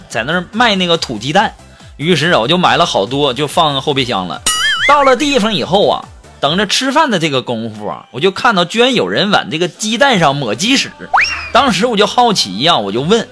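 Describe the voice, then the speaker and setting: Lively man telling jokes over music. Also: fairly high pitch. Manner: lively anecdotes with laughing asides. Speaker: comedy podcast host. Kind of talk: joke storytelling. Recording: music bed behind voice.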